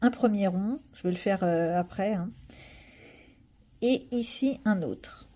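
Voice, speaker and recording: A woman's voice: medium pitch, a little slow, dark tone. A woman vlogger chatting casually to viewers while she colors, with chatty self-mocking asides.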